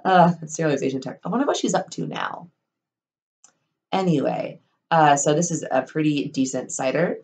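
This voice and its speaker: A woman's voice: low-pitched, animated, normal speed, vocal fry, a little mellow. A young woman in a casual storytelling vlog, rambling with lots of ums and likes, swearing freely and wryly. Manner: rambling, full of ums and likes, profane and wry.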